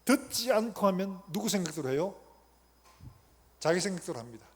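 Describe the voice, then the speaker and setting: In a church sanctuary, a pastor delivers a sermon in a high-pitched, expressive, brisk voice, emphatically posing questions to the congregation and answering them himself. A crowd can be heard behind him, and the recording carries the long reverb of a church hall along with faint noise.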